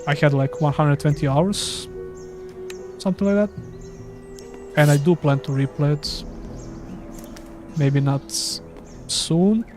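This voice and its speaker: Speaking slowly and pausing often, a Serbian-accented streamer from Serbia gives casual, self-deprecating commentary during live play. His voice is fairly high and darkish, with faint music behind it.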